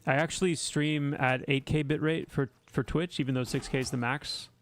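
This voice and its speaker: A man's voice: on the high side, steady tone, normal speed, soft background music. A man streaming a video game, chatting casually with his viewers and teasing them with wry asides. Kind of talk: casual livestream commentary while gaming.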